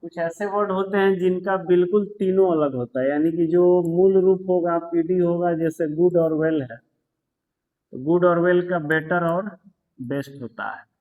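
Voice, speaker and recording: Slow, patient Indian man teaching grammar. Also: high-pitched, narrow, tinny audio. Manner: patient, repeats words and spells them out letter by letter; tells students to pause the video and write notes. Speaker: English teacher. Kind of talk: slow explanatory grammar lesson.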